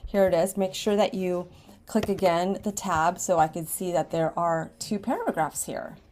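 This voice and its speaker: An American woman from Washington State, an ESOL writing teacher, walks students through a screen tutorial step by step in a lowish, darkish voice at a moderate pace. She keeps her instructions simple and checks in with "okay." She's indoors at a computer, recording her screen with a webcam.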